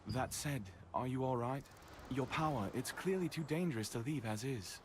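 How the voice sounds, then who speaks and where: A man voicing a grave, rock-bodied male guardian in a game, his voice sounding metallic and robotic as he gives earnest, measured advice. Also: medium pitch, noisy background. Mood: solemn concern. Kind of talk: game character dialogue.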